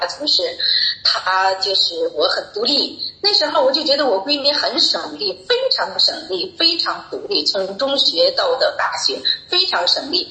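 A woman's voice: medium pitch, pushed and bright. A middle-aged woman giving a personal faith testimony, telling her story earnestly and repeating herself. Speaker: church member giving a testimony. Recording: echoey room.

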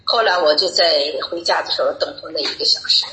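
A woman's voice: low-pitched, fast talker, pushed and bright. A middle-aged woman giving a personal faith testimony, telling her story earnestly and repeating herself. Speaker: church member giving a testimony. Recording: echoey room.

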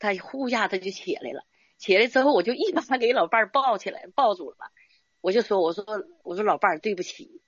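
A woman's voice: medium pitch, expressive, fast talker, slightly rough, dry recording, muffled recording. An older woman giving an earnest, rambling religious testimony, often ending phrases with little tag particles. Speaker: church member giving testimony. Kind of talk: casual spoken religious testimony.

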